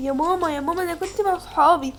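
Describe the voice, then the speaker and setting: A woman's voice: very high voice, racing, very noisy, voice pushed up. A woman voicing an offhand grown son. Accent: Egyptian.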